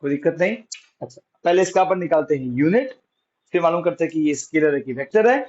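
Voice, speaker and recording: A man teaching physics to a class, with a fairly high voice. He keeps asking questions, then answers them himself in a coaxing way. The classroom recording sounds dull and lo-fi. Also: animated, quick pace, a little mellow. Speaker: science teacher.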